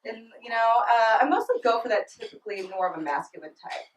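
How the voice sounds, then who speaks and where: A woman's voice: on the high side, lively intonation, fairly quick, slight background noise. A young woman performing a stand-up comedy set in a small club, giggling and breaking into laughter mid-line. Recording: roomy club sound from a distant mic.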